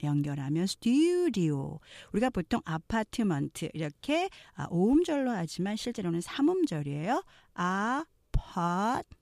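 A woman teaching English pronunciation, explaining points and then saying phrases slowly and carefully so learners can repeat them. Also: lowish voice, very animated, vocal fry, dark tone, no room sound, clean studio sound. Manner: slow, careful drills spoken for learners to repeat; switches between explaining and modeling phrases.

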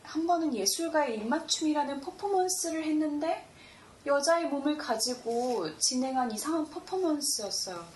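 A woman's voice: sits high, lively intonation, moderate pace, darkish tone, slight background noise. A woman playing a theatrical Frenchwoman who throws French words into her speech and dramatizes everything, recorded from a distance in a roomy space. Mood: gossipy. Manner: melodramatic, sprinkles French words into Korean. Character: theatrical Frenchwoman, acquaintance of an eccentric artist.

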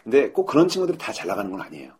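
A young man telling a funny school memory in a casual chat, animated and laughing as he acts out classmates. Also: medium pitch, racing, crowd noise. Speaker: podcast storyteller.

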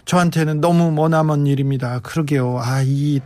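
A man's voice: on the high side, normal speed, no echo. Chatty man hosting a radio show. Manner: chatty, animated, swings between excited and soft. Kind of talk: casual live radio chat reading listener messages.

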